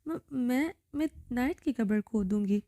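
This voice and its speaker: Woman voicing a tearful stammering girl, high and shaky, storybook reading. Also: dark tone, no room sound, clean studio sound, close to an everyday voice. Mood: terrified. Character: terrified young woman, stammering and pleading.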